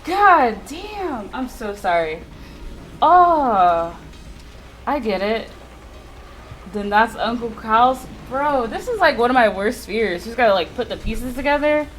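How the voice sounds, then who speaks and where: A woman's voice: fairly high pitch, animated, unhurried, slight background noise, poor audio. A young adult woman streaming a visual novel, reacting with blunt, profane, slangy exclamations and reading the text aloud.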